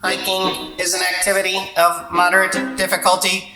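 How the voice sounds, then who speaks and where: A woman voicing a literal-minded robot assistant who speaks in a flat, precise, pedantic way. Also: on the low side, moderate pace, close to an everyday voice. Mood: deadpan. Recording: roomy sound with music underneath.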